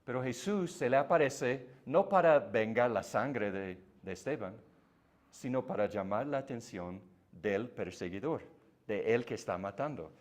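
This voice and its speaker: A man's voice: medium pitch, lively intonation, unhurried. A man whose first language is English, teaching a Bible class in Spanish with patient explanations and frequent tag questions.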